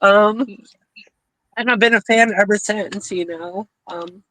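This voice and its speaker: A woman with a bright, tense voice chats casually, drifting into asides and laughing easily. The sound is close and dry, with no room around it. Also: medium pitch, takes it slowly, no room sound. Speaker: podcast co-host. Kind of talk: casual group chat.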